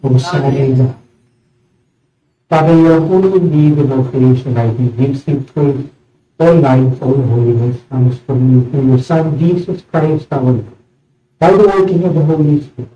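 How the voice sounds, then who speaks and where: A man with a very soft, dark voice leads communion as a priest in an echoing church. He recites the liturgy solemnly, phrase by phrase. The sound is muffled and picked up from a distance, with a cathedral-like echo. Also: medium pitch. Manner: solemn, measured phrasing in short pauses. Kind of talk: liturgical recitation of a eucharistic prayer. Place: large reverberant indoor church space.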